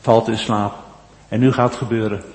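A man preaching a sermon, repeating his phrases and swinging between hushed, low passages and raised, emphatic ones. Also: little pitch movement, normal speed. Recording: long church reverb.

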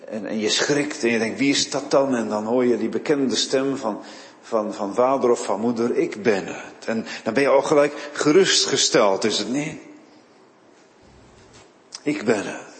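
A man's voice: mid-range voice, long reverb tail. A man preaching a sermon, retelling a Bible story with dramatic storytelling and frequent word repeats.

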